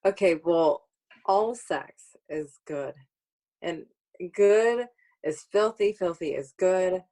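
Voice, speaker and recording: Woman guest on a talk show, low voice, kinda hesitant and measured. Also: mellow. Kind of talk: casual talk show chat.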